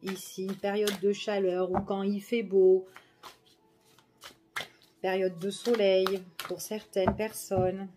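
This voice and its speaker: A woman's voice: medium pitch, flat delivery, takes it slowly, long pauses, over music. A woman giving a casual general tarot reading, chatty and full of fillers, often checking in with the listener. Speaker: tarot card reader.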